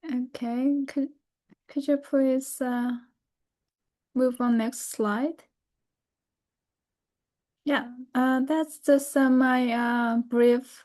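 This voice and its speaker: Young woman from North Korea, Korean native, webinar speaker; slow, careful delivery with frequent fillers and restarts. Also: a little high, a little mellow. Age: young adult. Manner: careful and halting, frequent fillers and self-corrections. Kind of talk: presentation over a video call.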